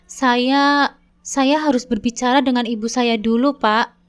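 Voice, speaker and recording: A timid, poor village girl of seventeen speaks quietly in a trembling voice, as a woman narrator puts her on. The voice is high and clear, with a storybook tone. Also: steady tone, unhurried, close to an everyday voice. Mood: anxious.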